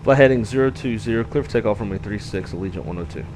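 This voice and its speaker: A man's voice: fairly low pitch, fast talker. A man speaking as an airline pilot on a headset, giving clipped procedural callouts and radio readbacks. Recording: loud steady cockpit hum.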